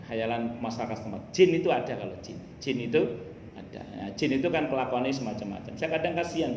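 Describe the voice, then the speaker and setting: A man preaching, answering questions from his listeners in a lively way and posing rhetorical questions that he then answers himself. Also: mid-range voice, a little hiss or hum. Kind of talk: religious Q&A talk. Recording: echoey room.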